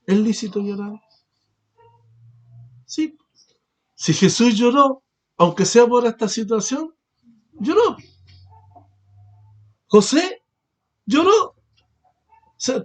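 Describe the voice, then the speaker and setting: Male pastor with a high voice, preaching with rhetorical questions and shifting force. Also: lively intonation, takes it slowly, pauses often. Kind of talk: sermon.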